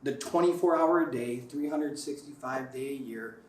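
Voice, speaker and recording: A man's voice: mid-range voice, moderate pace. A man giving a keynote speech to students, telling a story in an earnest, reflective way and often restarting his sentences. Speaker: keynote speaker. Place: lecture room. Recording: echoey room from far off.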